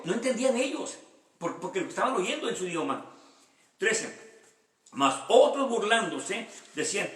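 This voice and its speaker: Male pastor, conversational Bible teacher, high voice, roomy distant recording. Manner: reads verses aloud, then explains them with personal anecdotes; conversational, many rhetorical questions. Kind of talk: Bible study sermon. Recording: echoey room, voice from far off the mic.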